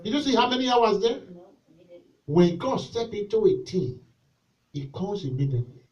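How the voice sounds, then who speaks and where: A pastor with a noticeably high, sing-song voice preaches at a church service at normal speed, leading call-and-response lines and swinging from shouted exhortation to soft pleading. The muffled recording picks him up from some distance.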